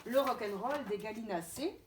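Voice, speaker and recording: A woman preschool teacher giving a reading lesson to young children over a camera, sounding out letters slowly and carefully in a coaxing way. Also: fairly high pitch, slight background noise. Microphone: camera mic.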